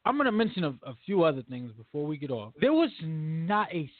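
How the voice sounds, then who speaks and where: A man's voice: a little high, brisk, no room sound. A man hosting a casual podcast discussion, talking emphatically and acting out quotes. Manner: animated, emphatic, acts out quotes. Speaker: podcast host. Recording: dry phone-like audio.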